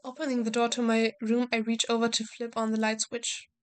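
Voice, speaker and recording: A woman's voice: on the high side, monotone, a little fast, clean tone. A woman playing a visual novel, reading the text aloud and adding casual, joking commentary. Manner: casual, joking, swears and laughs at herself.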